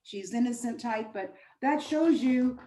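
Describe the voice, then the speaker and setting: A woman's voice: a little high, measured pace, dark tone. A woman who teaches voice-over, chatting easily as a guest over a video call, her phrases loose and trailing. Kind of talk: casual interview chat.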